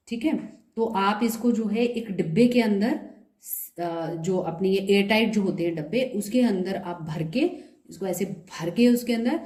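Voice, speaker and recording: A woman's voice: mid-range voice, a little mellow. A woman with a slightly sore throat, explaining a home recipe step by step in a chatty, friendly tutorial. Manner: chatty, explains step by step, mixes in English words. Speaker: cooking video host. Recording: echoey room.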